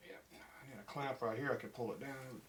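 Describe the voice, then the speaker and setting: A man's voice: mid-range voice, steady tone, a little fast, fairly bright tone, recorded from a distance. A man explaining machine work as he does it, thinking aloud in short, clipped phrases about his measurements. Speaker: motorcycle engine machinist. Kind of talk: hands-on workshop explanation, muttering measurements while working. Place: workshop. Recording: clearly noisy workshop, clicking tools.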